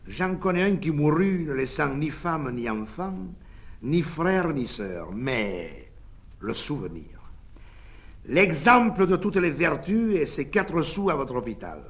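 A man's voice: on the high side, big pitch swings, takes it slowly, fairly bright tone, full character voice. Man doing a jovial teasing village doctor.

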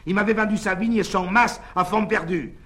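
A man voicing an aggrieved peasant villager who protests in a high, wound-up voice. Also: a little fast, pushed and bright. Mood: indignant.

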